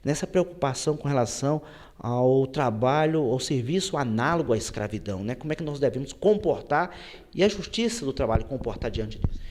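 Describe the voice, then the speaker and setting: A man's voice: mid-range voice, lively intonation, a little fast, darkish tone. A man from Brazil, a radio reporter, politely questioning and thanking a guest. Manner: polite, addresses guest as doctor. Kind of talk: interviewer questions and sign-off.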